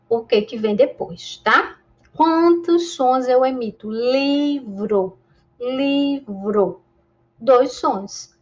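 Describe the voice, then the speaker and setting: A Brazilian woman teaching a primary school lesson, drawing out each syllable slowly and answering imagined pupils' objections. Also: on the high side, dull audio. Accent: Brazilian Portuguese. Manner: slow, drawn-out syllable-by-syllable pronunciation. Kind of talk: classroom lesson.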